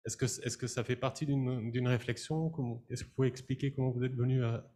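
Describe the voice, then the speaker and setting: A man's voice: medium pitch, level tone, fast, mellow, a little hiss or hum. Male audience questioner, mid-range voice, spontaneous spoken phrasing. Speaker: audience member asking a question.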